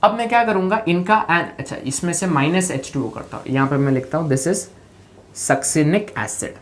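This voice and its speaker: Quizzing teacher. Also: male voice, a little high, expressive, moderate pace. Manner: keeps quizzing students with repeated questions and jokey memory tricks. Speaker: chemistry teacher. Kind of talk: live online lecture mixing Hindi and English.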